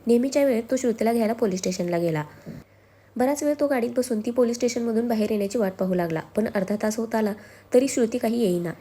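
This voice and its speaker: Warm-voiced woman storyteller. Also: a little high, fast talker, husky. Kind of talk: storytelling narration.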